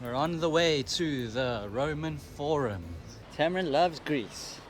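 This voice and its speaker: A man's voice: fairly high pitch, lively intonation, slow, music in the background. A man narrating a travel vlog outdoors in brief, matter-of-fact remarks. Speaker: travel vlogger. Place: outdoors in a city.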